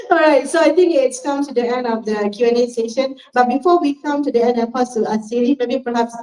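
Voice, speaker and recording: A woman's voice: fairly high pitch, a little fast, mellow. A woman moderating a forum Q and A and reading out audience questions casually. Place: event hall. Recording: echoey hall, distant mic.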